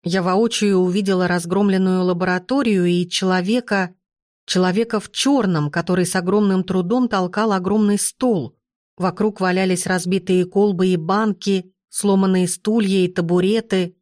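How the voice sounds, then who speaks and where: A woman reading a novel aloud as first-person scripted narration, in a measured, even manner. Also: medium pitch, dry recording, clean studio sound. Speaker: audiobook narrator.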